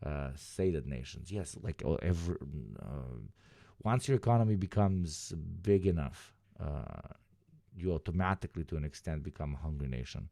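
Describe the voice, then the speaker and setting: Male streamer, very low pitch, mellow, sardonic, rambling casual commentary, dry sound. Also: expressive, normal speed, dry recording. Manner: rambling, sardonic, sweary asides. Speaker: livestream host. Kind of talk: casual livestream chat with political commentary.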